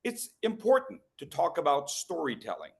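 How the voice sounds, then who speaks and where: A middle-aged man giving a humorous talk on storytelling to a live group, teasing people in the room and slowing down with pauses for emphasis. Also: fairly high pitch, huge pitch swings, vocal fry, breathy edge. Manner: playful, teasing the audience, quick asides. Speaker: educational speaker at a club meeting.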